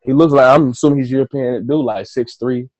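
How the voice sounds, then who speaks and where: A man's voice: mid-range voice, fairly even intonation, a little fast, darkish tone, no echo, rough recording. A man, an author and interview guest, telling a story casually with loose, profane talk and acted-out quotes of his own thoughts.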